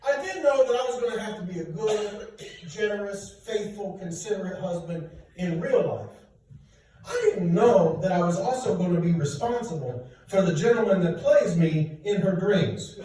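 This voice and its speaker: A man's voice: sits high, lively intonation, normal speed, dark tone. A middle-aged man doing a self-deprecating stand-up set for a live audience in a church hall. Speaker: stand-up comedian. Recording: echoey hall from far off.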